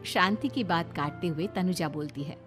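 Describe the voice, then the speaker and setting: A woman's voice: lowish voice, moderate pace, fairly bright tone, faint music behind. Woman narrating a cartoon story.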